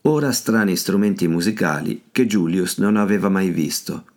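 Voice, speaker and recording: A man narrates an audiobook in a steady, measured manner. His voice sits very low. The reading is carefully scripted. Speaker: audiobook reader.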